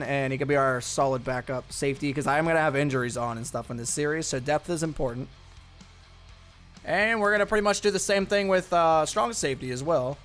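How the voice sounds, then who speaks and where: A young man giving casual commentary over a football video game, thinking aloud and rambling with many fillers. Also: mid-range voice. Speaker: gaming YouTuber.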